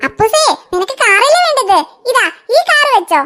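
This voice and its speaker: A woman voicing a kindly, cheerful young aunt in a cartoon, bright and chuckling as she helps with a toddler. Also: extremely high pitch, animated, normal speed, soft background music, exaggerated voice. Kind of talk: cartoon dialogue.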